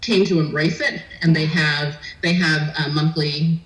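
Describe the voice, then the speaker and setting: A woman's voice: sits low, steady tone, measured pace. A woman in her thirties, a business owner guest, talking in a chatty, outgoing way and laughing easily. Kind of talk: casual interview chat. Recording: echoey room.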